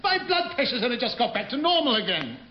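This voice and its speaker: An actor playing a flustered, pompous naval captain with a backseat driver's interjecting manner in a radio sitcom. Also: male voice, very high-pitched, sing-song, fast. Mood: flustered panic. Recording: dull, hissy old radio recording.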